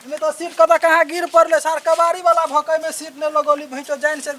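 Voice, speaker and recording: Man acting haggling village scrap dealer, Bihari accent, piercing high voice, comedy skit, faint noise. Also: flat delivery, brisk, pushed and bright. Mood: exasperated. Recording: faint outdoor background noise.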